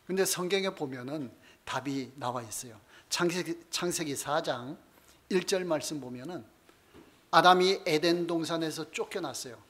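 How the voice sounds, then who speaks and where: Man preaching a sermon with rhetorical questions. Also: a little high. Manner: asks the congregation rhetorical questions, then answers them himself; slows down and drops softer to end key points. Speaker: pastor. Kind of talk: Bible study sermon. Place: church.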